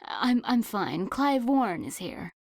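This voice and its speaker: A woman reading the part of a young heroine, soft-spoken and a little unsteady. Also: on the high side, big pitch swings, slow, vocal fry, dry recording, clean studio sound, full character voice. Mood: weak. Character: young woman, shaken and self-conscious heroine.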